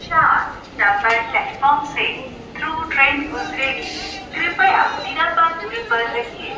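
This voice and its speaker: A woman making slow, deliberate railway announcements over a station loudspeaker, reading numbers one digit at a time. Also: high-pitched, very animated. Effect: heard over a station loudspeaker. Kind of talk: public address announcement. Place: railway platform. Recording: echoey distant station loudspeaker with music.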